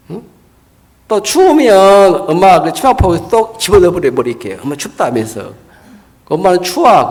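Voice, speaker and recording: A man's voice: on the high side, a little mellow. A man in his sixties, a pastor delivering a sermon in folksy storytelling style, asking the congregation rhetorical questions. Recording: long reverb in a large hall.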